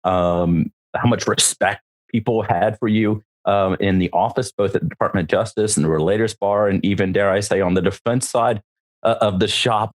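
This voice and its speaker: Male interview host, slightly low pitch, easygoing and informal. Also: fairly even intonation, normal speed. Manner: friendly, informal questioning. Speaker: podcast host. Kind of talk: casual interview.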